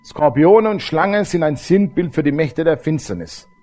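A man's voice: fairly high pitch, lively intonation, normal speed, darkish tone. A middle-aged man, preaching a testimony sermon and telling his story straight to the congregation. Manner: storytelling, addresses the audience directly.

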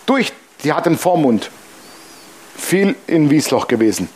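A man's voice: measured pace, breathy edge. A man preaching to his congregation as pastor, blunt and colloquial, acting out the voices in the stories he tells. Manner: animated storytelling, acting out dialogue with shifting pitch. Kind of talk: sermon.

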